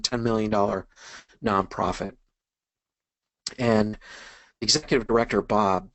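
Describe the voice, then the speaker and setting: A man's voice: lowish voice, a bit bright, no room sound, low-quality recording. A middle-aged man presenting a fundraising webinar in a casual, conversational way, with frequent ums and you-knows as he tells stories. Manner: casual, conversational, many fillers like um and you know.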